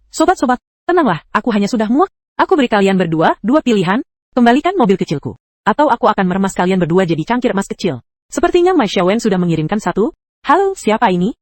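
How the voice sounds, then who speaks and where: A woman's voice: medium pitch, darkish tone, no echo, clean studio sound. A synthetic text-to-speech female voice narrating an anime recap, reading every character's lines in the same voice.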